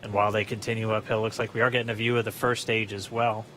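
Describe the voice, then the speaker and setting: A man's voice: on the low side, little pitch movement, fast talker, pushed and bright, a little hiss or hum, low-quality recording. A man hosting a live webcast, giving launch commentary.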